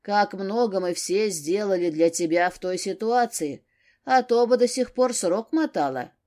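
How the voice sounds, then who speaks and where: A woman reading an audiobook, voicing a gruff, commanding older father who barks his words. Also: mid-range voice, a little slow, darkish tone, lightly acted. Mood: stern. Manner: barking, stern.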